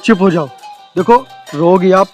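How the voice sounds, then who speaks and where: A young man playing an eager younger brother-in-law who coaxes and flatters. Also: high voice, unhurried, soft background music. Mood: flattering. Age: young adult. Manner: coaxing, flattering.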